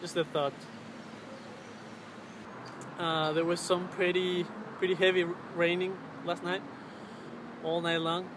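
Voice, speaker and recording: A man in his twenties chatting casually to camera in a hesitant, halting way, searching for his words. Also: high-pitched, little pitch movement. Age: 20s. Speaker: vlogger. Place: outdoors on a riverbank under a road bridge. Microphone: camera's built-in mic at arm's length. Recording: clear outdoor traffic and ambient noise.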